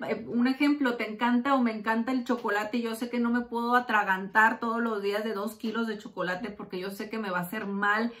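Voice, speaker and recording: Tarot reader, woman, fairly high voice, warm and chatty, bursts into lively quoted voices. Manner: warm, chatty, calls the listener "corazón"; acts out quotes with quick pitch jumps. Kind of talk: tarot reading monologue.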